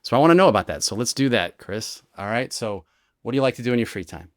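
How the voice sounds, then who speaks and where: A man, a retired American federal agent, explaining his methods in an interview with lively examples and frequent "right?" checks. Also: mid-range voice, fast talker, dry recording, clean studio sound. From United States. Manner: animated storyteller, explains with examples and rhetorical "right?". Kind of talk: conversational explanation.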